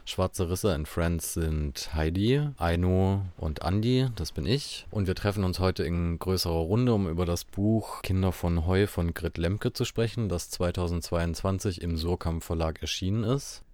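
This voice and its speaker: A man hosting a book podcast, reading his introduction in a calm, measured way. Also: deep voice, no room sound. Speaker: podcast host. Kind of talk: scripted introduction.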